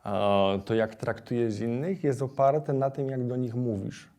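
A man's voice: medium pitch, unhurried, mellow. A young man speaking earnestly and matter-of-factly in a documentary interview.

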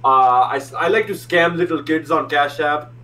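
A young man from India on a video call, trolling a dating-show date with deadpan, halting talk full of repeated words. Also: a little high, far from the mic. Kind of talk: joking video-call banter. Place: small room at home. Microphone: headset on video call. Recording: noisy video call line.

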